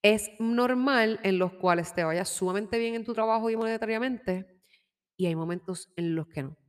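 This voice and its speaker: A woman giving a casual tarot reading, chatty and warm in tone, slipping English words into her talk and laughing easily. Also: mid-range voice, moderate pace, smooth, big-room sound. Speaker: tarot reader. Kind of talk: casual spiritual guidance talk. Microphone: microphone with headphones.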